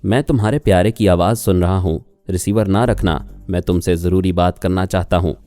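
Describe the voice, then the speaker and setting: A man voicing a calm male telepath who reasons patiently on the phone, in an audiobook reading. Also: low-pitched, clear, resonant tone, dry recording, faint music behind, close to an everyday voice. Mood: persuasive.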